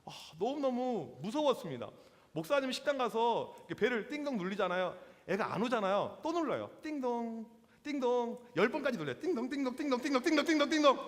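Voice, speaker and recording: Animated high-voiced male youth pastor. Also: fast. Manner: lively, acts out quotes in voices, slangy with teens. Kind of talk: sermon to teenagers. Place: church hall. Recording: long hall reverb.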